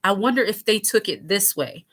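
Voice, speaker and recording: With lively intonation and a slightly bright sound, this thirties-aged woman hosts a relaxed commentary replying to viewers, speaking at normal speed in her raspy low voice. Her manner is frank and jokey, loaded with fillers and self-interruptions.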